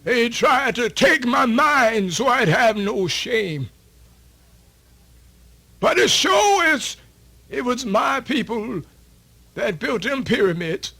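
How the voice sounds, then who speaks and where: An older man performs a radio theatre monologue as a weary but proud storyteller elder, speaking in an extremely high, exaggerated, pushed and bright voice that is animated, slow, creaky and full of pauses. His delivery is folksy, solemn and oratorical, with a proud, defiant mood, and music plays beneath him.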